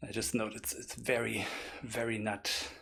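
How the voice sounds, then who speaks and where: A man's voice: lowish voice, flat delivery, normal speed, creaky, a crowd in the background. Breathless casual male co-host. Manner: playful, fussing with the mic setup. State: a bit out of breath. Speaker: podcast co-host. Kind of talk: casual livestream chat.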